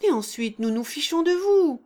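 A woman reading aloud and voicing a brash, mocking dead man who speaks loudly and taunts the others. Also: a little high, very animated, measured pace. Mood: taunting. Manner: loud, taunting, boastful.

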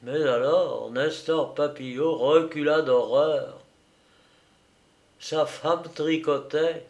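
A man's voice: fairly high pitch, fairly even intonation, slow pace. A man narrating a comic story with theatrical delivery, voicing characters with sudden outbursts. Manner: theatrical, voices characters with shouts and sudden bursts.

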